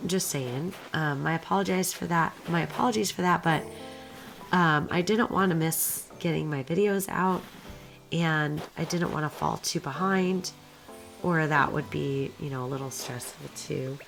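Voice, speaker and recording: Woman with a hoarse smoker's rasp. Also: low voice, unhurried, faint music behind. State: hoarse from a recent illness. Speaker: video creator narrating game footage. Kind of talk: casual gameplay commentary.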